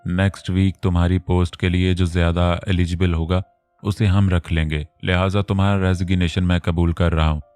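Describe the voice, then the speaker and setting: A calm, curt young male boss, read by a male narrator, speaks in a very low, deep voice. The recording is dry, with faint music behind it. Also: moderate pace, smooth, no echo, close to an everyday voice.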